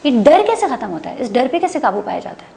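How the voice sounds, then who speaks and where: High-voiced chatty woman host. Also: fast talker, vocal fry. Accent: Pakistani Urdu. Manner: lively, chatty, frequent agreeing murmurs. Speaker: morning show host. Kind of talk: casual talk show chat.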